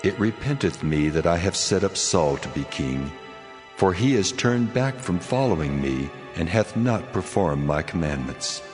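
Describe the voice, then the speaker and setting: Man as deep, grave voice of God. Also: animated, unhurried, over music. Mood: grave regret. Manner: grave, solemn. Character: God, grave and sorrowful, displeased. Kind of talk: dramatized scripture acting.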